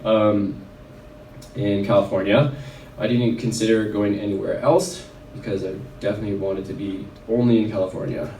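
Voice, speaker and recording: This chiropractor from Red Deer, Alberta, Canada rambles casually through a personal story at a wellness event, with plenty of fillers. His voice is fairly low and warm, with a steady tone and moderate pace. Picked up by a distant mic in the event venue, the audio sounds roomy and carries a slight hiss or hum.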